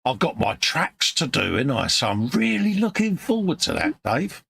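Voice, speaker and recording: A man with a British accent chats from his hobby bench, full of teasing and easy chuckles. His pitch swings in a lively, animated way as he talks his viewers through his build. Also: moderate pace, creaky, breathy edge. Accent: British English. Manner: banter-filled, calls people mate, chuckles often. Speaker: co-host of a model-building live stream. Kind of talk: casual chat. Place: home workbench.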